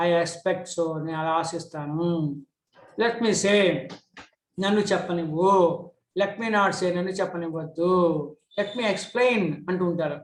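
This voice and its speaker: Middle-aged telugu guy teaching english grammar, high voice, slow on the examples, quick on the explaining, echoey room.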